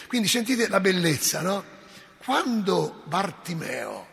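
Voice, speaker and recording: A man's voice: high-pitched, gravelly, a bit bright, long reverb tail. A male preacher telling a gospel story to his congregation, acting out the voices and asking them questions. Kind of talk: sermon. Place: church.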